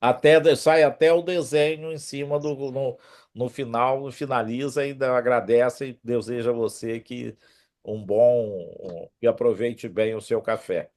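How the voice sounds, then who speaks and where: A man's voice: mid-range voice, fairly even intonation, unhurried, a little mellow. A Brazilian man hosting a casual group call as a professor, talking through a trade fair visit with frequent restarts. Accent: Brazilian Portuguese. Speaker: host, professor leading a retail trade delegation.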